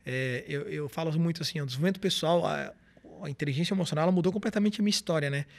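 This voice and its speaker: A man's voice: on the high side, rapid-fire. A man, a guest speaker in a podcast interview, telling stories and acting out what people said to him. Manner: animated storytelling, acts out quoted dialogue.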